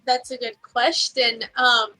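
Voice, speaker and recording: A woman chatting as a talk show guest in a high, bright voice. She is giggly and teasing, and faint music plays behind her. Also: little pitch movement, takes it slowly. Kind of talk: casual talk show chat.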